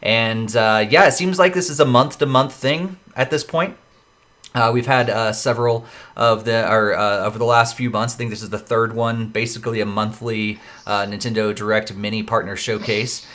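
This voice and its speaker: A man's voice: on the low side, fairly even intonation, normal speed, a bit bright. A man hosting a casual gaming podcast, running through a list of news items with lots of "uh" fillers. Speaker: podcast host.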